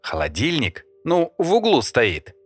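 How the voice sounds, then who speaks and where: A man's voice: medium pitch, huge pitch swings, a little slow, no echo, faint music behind, voice pushed up. A man voicing a frightened, indignant young male computer guy. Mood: puzzled. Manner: nervous, indignant.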